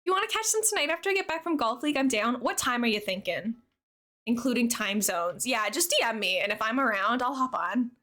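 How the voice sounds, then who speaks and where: A young adult woman livestreamer chats casually with her viewers during a live game stream, bubbly and talkative. Her voice is on the high side, animated, brisk, bright and forceful.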